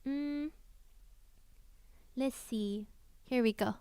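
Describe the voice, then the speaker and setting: A woman's voice: fairly high pitch, very slow. A woman cover singer chatting casually on a livestream Q&A, bubbly and giggly, often scattered and restarting.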